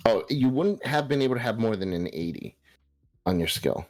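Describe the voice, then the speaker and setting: A man's voice: lowish voice, very animated, moderate pace, a little mellow, dry recording. Young man running a tabletop game. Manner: hesitant, many ums, laughs. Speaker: game master.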